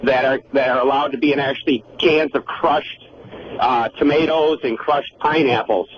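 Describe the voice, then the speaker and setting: A man's voice: mid-range voice, steady tone. A caller with a Wisconsin accent, stumbling through his point with frequent fillers. The line is dull and lo-fi with a faint background hiss. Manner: hesitant, halting. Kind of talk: phone-in call. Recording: lo-fi call with faint noise.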